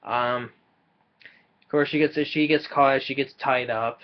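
A man's voice: medium pitch, steady tone, measured pace, muffled recording. A young man casually recapping a film's plot from a small room, often stumbling and repeating words as he goes. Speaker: movie reviewer.

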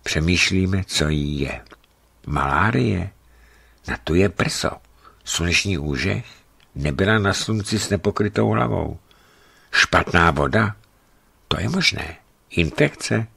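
A man reading a travel book aloud in calm storytelling narration. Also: low voice, gravelly, long pauses, husky. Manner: calm storytelling, lifts his voice for quoted speech.

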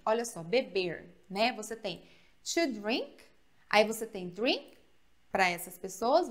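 A woman from Brazil teaching English grammar in a video lesson. Her voice sits a little high, and she keeps checking in with her students as she explains. She repeats the example sentences slowly and clearly.

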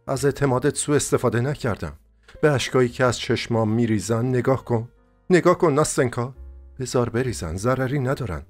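A man's voice: medium pitch, darkish tone, soft background music, pitched above the performer's own voice, close to an everyday voice. A man voicing a lovesick young dreamer in an audiobook, urgent and impassioned.

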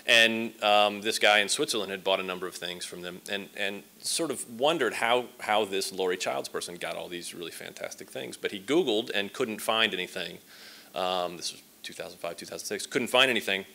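Heard through a distant stand microphone in a big lecture hall, this forties man delivers a chatty conference talk, restarting often and leaning on fillers. His voice is lowish, gravelly, pushed and bright, and he speaks briskly.

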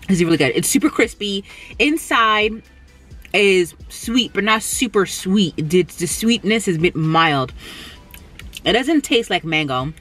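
A young woman from Canada reviewing fast food in a casual mukbang while she eats in a parked car, humming appreciatively between bites. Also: medium pitch, lively intonation, a bit bright, faint music behind. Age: young adult. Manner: chatty, eating between remarks, lots of appreciative hums. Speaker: food vlogger. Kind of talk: casual mukbang tasting chat. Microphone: camera on the dashboard.

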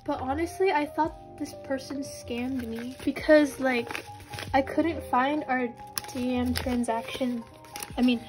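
A young woman vlogging a casual unboxing, often gasping and squealing with excitement. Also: sits high.

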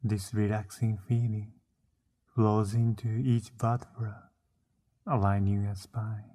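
A man narrating a guided meditation, soothing and unhurried, with frequent pauses between short phrases. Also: on the low side, level tone, dark tone.

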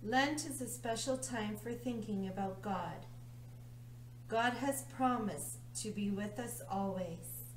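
Slow-reading woman in an echoey room. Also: medium pitch. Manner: slow, clear, soothing reading. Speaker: children's ministry leader. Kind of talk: gentle storytelling to children. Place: church room with a round table, indoors. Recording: echoey room, faint hum.

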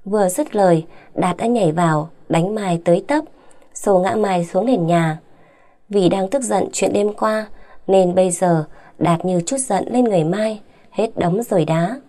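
Mellow-voiced woman storyteller. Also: mid-range voice, measured pace. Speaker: story narrator. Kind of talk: dramatic audio story narration.

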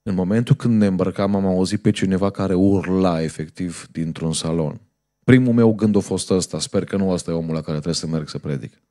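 A man's voice: low voice, mellow. A male pastor, preaching a fervent sermon in a church and telling a story to the congregation.

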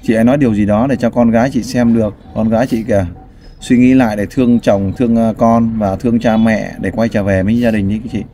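Male host, warm low tone, coaxing, sighing interviewer; light background noise. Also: steady tone, fast. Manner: prompting, sympathetic, sighs often. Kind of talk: street interview, casual and caring.

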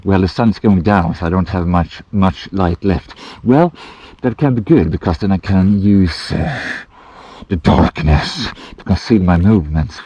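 Man muffled by a gas mask, slow-talking. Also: low-pitched, warm tone, breathy edge, dry recording. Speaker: vlogger. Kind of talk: casual outdoor adventure vlog talk to camera. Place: outdoors in a forest. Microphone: action camera at arm's length. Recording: muffled gas mask, noisy outdoor handheld camera.

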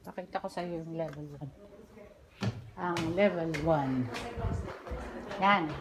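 A woman with a low-pitched voice talks slowly over a noisy background, giving her viewers a chatty, upbeat walking tour of the shop where she works and pointing out items. She films it as a casual vlog on a handheld phone, moving through the store and its stockroom.

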